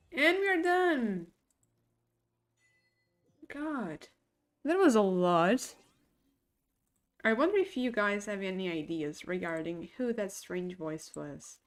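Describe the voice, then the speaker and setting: A young woman with a sick, rough voice, streaming a game and chatting casually as she stutters through her lore theories. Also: medium pitch. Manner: stuttering, thinks aloud about game lore. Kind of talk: casual livestream commentary.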